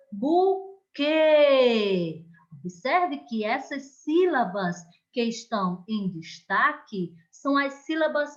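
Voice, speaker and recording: A Brazilian woman teaching an online lesson to children, stretching out the stressed words and gently coaxing the class to pay attention. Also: high voice, lo-fi sound. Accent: Brazilian Portuguese. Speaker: primary school teacher.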